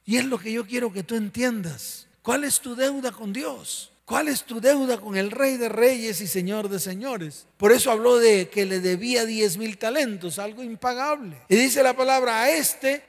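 A man's voice: extremely high pitch, creaky, in a large hall. A male pastor preaching a sermon, emphatic, repeating key phrases and putting questions to his listeners.

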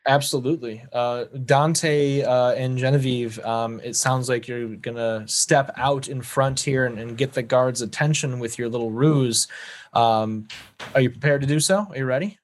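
A man's voice: mid-range voice, steady tone, moderate pace. A man narrating as game master of a tabletop game, laid-back and full of fillers.

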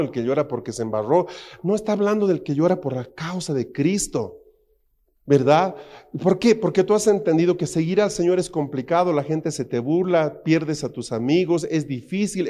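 A middle-aged Mexican preacher with a fairly high, mellow voice delivers a lively sermon. He keeps checking in with the crowd through quick rhetorical questions and jokes, and shifts his voice to mimic people as he goes. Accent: Mexican Spanish. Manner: animated, jokey, acts out quotes in funny voices. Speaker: pastor.

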